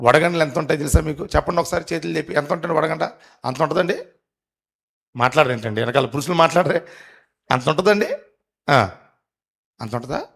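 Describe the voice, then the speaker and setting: A man preaching a live sermon to a congregation, questioning the crowd, urging loud replies and rising to emphatic, drawn-out peaks. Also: a little high, gravelly. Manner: rises to emphatic, drawn-out climaxes. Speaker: pastor. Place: church service before a congregation.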